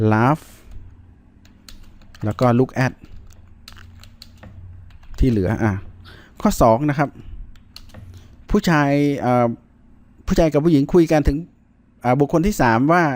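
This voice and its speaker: A man teaching English grammar in a recorded lesson, thinking aloud with many fillers and spelling out words slowly. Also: medium pitch, a little mellow.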